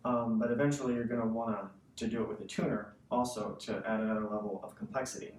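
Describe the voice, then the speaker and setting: A man's voice: fairly low pitch, steady tone, fast, darkish tone. Man teaching, in a roomy distant recording. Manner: conversational, checks in with "right?". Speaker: woodwind instrument teacher. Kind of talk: casual instructional explanation of a practice exercise. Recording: roomy, distant mic, faint noise.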